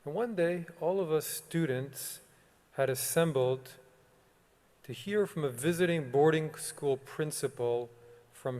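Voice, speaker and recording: A man, a rabbi, delivering a solemn, measured sermon with long pauses. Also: fairly high pitch, a little mellow. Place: synagogue sanctuary. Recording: long reverb of a large sanctuary.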